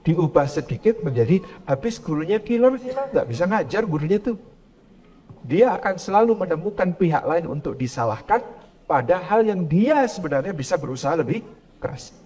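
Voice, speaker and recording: A man giving a parenting lecture to a live audience, animated and telling stories as he preaches. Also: normal speed, slightly rough. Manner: animated, acts out quoted parents in higher voices.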